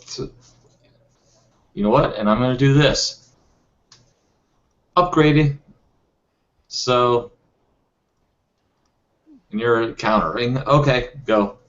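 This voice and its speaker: A man acting as game master in a tabletop role-playing game, thinking aloud as he goes, with frequent pauses and restarts. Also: mid-range voice, fairly bright tone. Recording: dull lo-fi sound.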